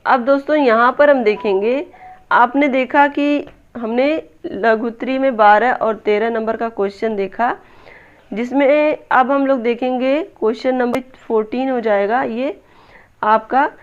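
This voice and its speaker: A woman's voice: on the high side, measured pace, clear, resonant tone. A woman tutoring for a teaching exam, walking through answers step by step, often asking a question and then answering it herself. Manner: repeats "दोस्तों", asks and answers own questions. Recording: slightly dull lo-fi audio.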